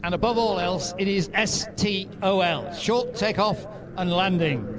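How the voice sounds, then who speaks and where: Airshow commentator: man, high-pitched, informative and lightly wry, live outdoors with a crowd behind him. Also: a little slow. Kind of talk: live airshow commentary over public address. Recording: outdoor event with crowd and aircraft noise.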